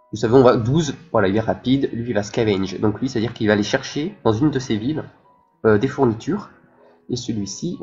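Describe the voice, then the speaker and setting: A man's voice: medium pitch, a little mellow, muffled recording. A man hosting a let's play, commenting as he plays and thinking aloud with many hesitations. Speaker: gaming channel host.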